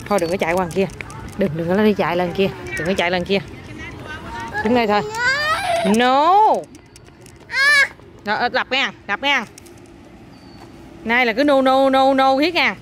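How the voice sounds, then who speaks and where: A mother filming her toddler outdoors chats casually with the child in a brisk, steady, mid-range voice. She coaxes the little one in a playful, repetitive way, with faint outdoor noise in the background.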